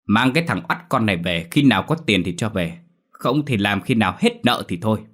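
A man voicing a cruel, rich old village landlord who shouts threats at his debtors. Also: on the low side, lively intonation, brisk. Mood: commanding.

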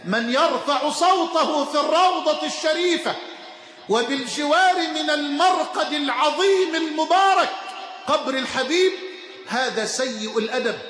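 A man with an Egyptian accent delivering a Friday sermon, impassioned, swinging between shouts and hushed tones, in a mosque. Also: very high-pitched, moderate pace, soft background music. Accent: Egyptian Arabic. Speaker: preacher. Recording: echoey hall with faint ambient noise.

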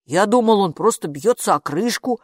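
A woman voicing a calm, gloomy boy in an audiobook who explains things matter-of-factly. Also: mid-range voice, normal speed, dry recording, studio quality, lightly acted. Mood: glum. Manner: glum, matter-of-fact. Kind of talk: audiobook character voice.

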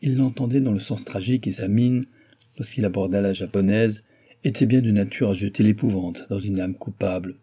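A man narrates a classic novel at a measured pace. His voice is dark and mellow with a husky grain, and it sits on the lower side. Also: steady tone. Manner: measured storytelling. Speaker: audiobook narrator. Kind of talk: scripted narration.

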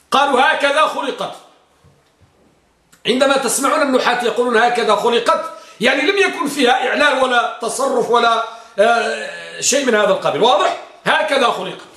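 A man's voice: extremely high pitch, fast talker, fairly bright tone, reverberant. A man teaching a grammar lesson, quizzing his students with repeated questions and reciting in a sing-song lilt.

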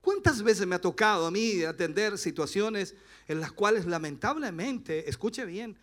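Middle-aged chilean guy preaching hard, bright sharp voice, gets loud. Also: sits high, lively intonation, moderate pace. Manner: passionate preaching, rising to shouts. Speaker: pastor. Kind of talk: sermon.

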